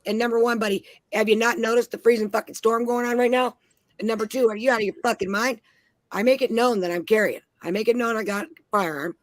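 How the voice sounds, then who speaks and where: A woman's voice: fairly high pitch, fairly even intonation, fast talker, no room sound. A woman from Minnesota on a panel, telling blunt, heavily profane stories in casual chat. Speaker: panel guest.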